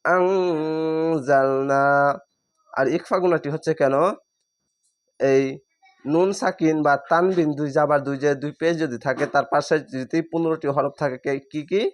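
Slow, careful Quran reading teacher. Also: male voice, on the high side. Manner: spells each word letter by letter, then draws out the whole word slowly. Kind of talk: spelling-out recitation lesson.

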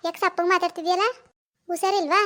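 A woman voicing a caring, middle-aged village mother in an animated cartoon, coaxing and scolding her daughter. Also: very high voice, quick pace.

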